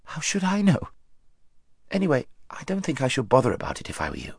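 An eager, plucky young boy from a storybook, as a man puts him on, pitched up above a low voice and bouncing with feeling. He sounds blunt and keen, close to the mic in a dry space. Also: huge pitch swings, a little fast, creaky, breathy edge, dry recording, heavily acted.

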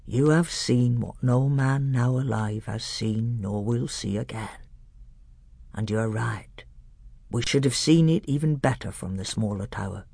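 A man voicing an old male scholar tutor who speaks low, slow, hushed and grave in a storybook reading. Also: gravelly, husky, no room sound. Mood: solemn, hushed.

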